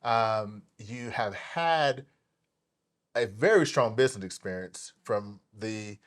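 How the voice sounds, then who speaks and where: A man hosting an interview show, talking with animated enthusiasm and lots of fillers and restarts. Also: fairly low pitch, slow. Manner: animated, hyped delivery with many fillers and restarts. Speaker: podcast host.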